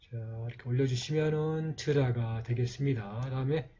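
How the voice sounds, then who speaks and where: This recording is muffled, and the man narrating the writing lesson has a mid-range, dark voice. He patiently explains every stroke of the calligraphy at a slow pace, stopping often on fillers.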